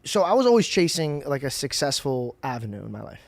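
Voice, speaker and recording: A man's voice: mid-range voice, big pitch swings, brisk, gravelly, no echo. Blunt joking man, dry close sound. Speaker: podcast host. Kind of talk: casual chat.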